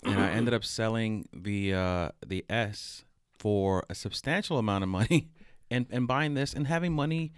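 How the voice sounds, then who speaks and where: A middle-aged man co-hosting a casual podcast, animated and joking, often restarting his sentences. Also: lowish voice, normal speed, hardly any pauses, clear, resonant tone, dry recording, clean studio sound. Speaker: podcast co-host. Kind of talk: casual chat.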